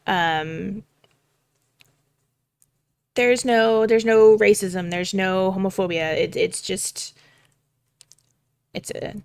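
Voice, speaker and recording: A woman's voice: mid-range voice, drawn-out words, pauses often, darkish tone, clear, resonant tone, no room sound. A young woman casually thinking aloud while she prepares a tabletop game, rambling with many fillers and casual swearing. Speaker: game master prepping a campaign.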